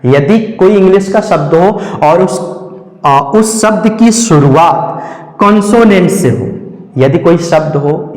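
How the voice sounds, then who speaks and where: A male English teacher, slowly explaining pronunciation rules and repeating each word several times. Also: high-pitched, a little mellow. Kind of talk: classroom lesson on pronunciation. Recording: echoey room with long reverb.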